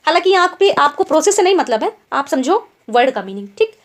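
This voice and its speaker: Lively high-voiced woman teaching vocabulary. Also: quick pace. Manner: keeps asking quiz questions and tag checks like "ठीक है?"; explains in Hindi mixed with English words. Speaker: English exam teacher. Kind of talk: online vocabulary lesson.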